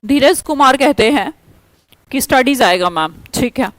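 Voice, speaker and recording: A woman leads an online English grammar class. Her voice sits high, and she talks briskly, pressing students for quick answers. The sound is dry and close to the mic. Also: lively intonation, no room sound, low-quality recording.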